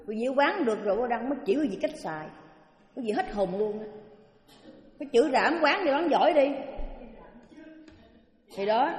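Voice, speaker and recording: A woman with a Southern Vietnamese accent giving a Buddhist dharma talk as a teacher, telling stories and putting questions to her listeners. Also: fairly high pitch. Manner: lively storyteller, questions the audience. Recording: echoey hall with long reverb.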